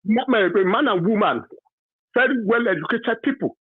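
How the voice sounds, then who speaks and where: Husky Yoruba-accented caller over a phone line. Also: male voice, high-pitched, expressive, no echo. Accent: Nigerian, Yoruba. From Nigeria. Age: 50s. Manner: halting, full of fillers and restarts, emphatic. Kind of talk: call-in radio opinion. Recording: dry tinny phone line.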